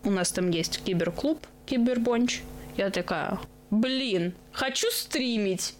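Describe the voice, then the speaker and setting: A woman's voice: medium pitch, takes it slowly, slight background noise. A woman in her twenties from Russia, a guest streamer and esports caster, chatting casually on a podcast and telling stories with acted-out quotes. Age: 20s. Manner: lively storytelling with acted-out quotes.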